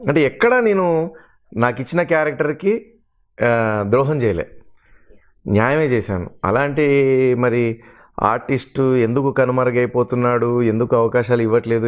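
A middle-aged man, a mimicry artist and actor, talking earnestly and with hurt feelings in an interview, listing the roles he has played. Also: medium pitch. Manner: earnest, aggrieved, lists his roles at length. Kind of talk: emotional interview talk.

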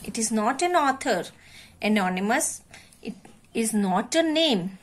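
A woman's voice: on the high side, animated, a little slow. A woman teacher, giving a class to young children, checking in often and mixing in Hindi phrases. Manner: repeats and checks on pupils, switches into Hindi phrases. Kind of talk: online class lesson.

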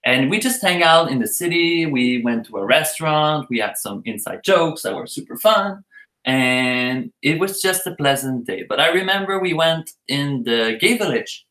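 Bright-voiced man telling a story. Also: a little high, lively intonation, moderate pace, reverberant, rough recording. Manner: chatty, playful, laughs often. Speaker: co-host telling their story. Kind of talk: casual storytelling chat.

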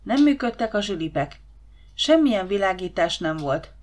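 A woman narrating a science fiction audiobook in a steady, measured reading voice. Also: medium pitch. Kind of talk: audiobook reading of a sci-fi novel.

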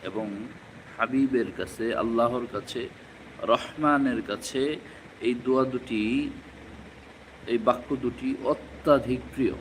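A man teaching a live Quran recitation class, drilling letter sounds slowly and repeating each syllable for learners. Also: mid-range voice, a little hiss or hum, rough recording.

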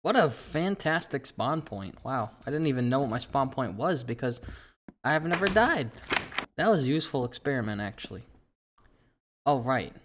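Man, game commentary, swears often, panicky then calm, middle pitch. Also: moderate pace. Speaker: gaming channel host. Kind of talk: casual let's-play commentary.

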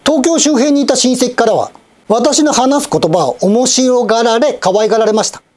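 A man in his fifties hosting a channel, giving polite, measured, scripted news-style commentary with wry asides. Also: very high voice, a little mellow. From Japan, Osaka and Kochi.

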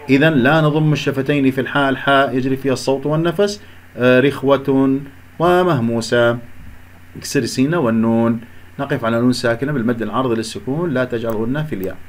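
A man teaching Quran recitation. He explains each letter and sound, recites slowly to demonstrate and corrects common mistakes. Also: mid-range voice. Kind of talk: recitation lesson with slow demonstrations.

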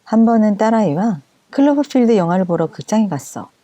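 Woman, scripted story narration, conversational, mellow tone, dry close sound. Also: medium pitch, expressive, brisk, no echo. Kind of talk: scripted first-person storytelling.

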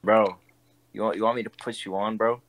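Young guy bragging on webcam, low voice, bit of hiss. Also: steady tone. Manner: boastful, fast, says bro constantly. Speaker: video chat stranger.

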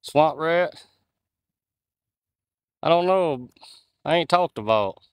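A man in his 40s livestreams while walking through the woods at night, speaking into a phone on a handheld gimbal and chatting casually with viewers. He's chatty and folksy, reading out viewer comments, with a slightly high voice, lively intonation, and a slow pace. The tone is clean, studio quality, with no room sound.

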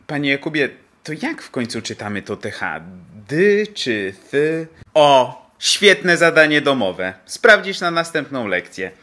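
A man's voice: medium pitch, bright, forceful tone. A young man who teaches English, ranting in a sarcastic, mock-outraged way, recorded outdoors in an empty spot. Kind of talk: comic rant to camera.

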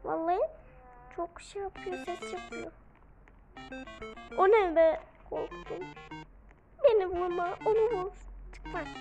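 Female gaming commentator: very high, slow delivery, playful and excitable, game music behind. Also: vocal fry, rough recording. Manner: playful, excitable, shrieks and counts aloud. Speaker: gaming video creator. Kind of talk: casual gameplay commentary.

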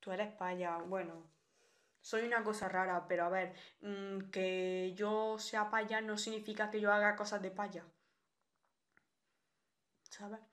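A woman's voice: mid-range voice, level tone, slow pace, long pauses, fairly bright tone. A young woman from Spain with a Spanish accent, chatting bluntly with viewers on a live stream and reading out their comments. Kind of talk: casual live-stream chat.

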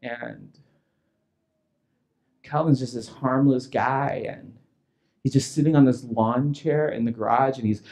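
A man's voice: mid-range voice, a little slow, creaky, long pauses, darkish tone. A male pastor telling a story in a sermon, chuckling as he goes.

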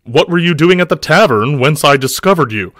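A man voicing a proud, gruff male barbarian warrior from a fantasy novel, with a blustering delivery. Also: on the high side, lively intonation, a little fast, a bit bright, no room sound, studio quality, pitched above the performer's own voice.

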